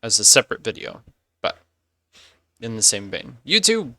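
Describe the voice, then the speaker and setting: A man's voice: lowish voice, steady tone, normal speed, creaky, pushed and bright, no room sound. A man streaming a game and chatting casually, rambling and correcting himself as he goes. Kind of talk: casual live-stream chat.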